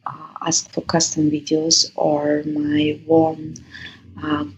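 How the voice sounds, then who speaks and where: A woman with a Russian accent and a husky, gravelly voice, chatting casually as an interview guest. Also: deep voice, completely flat delivery, slow pace, darkish tone, highs cut off, slight background noise. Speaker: interview guest, adult content creator.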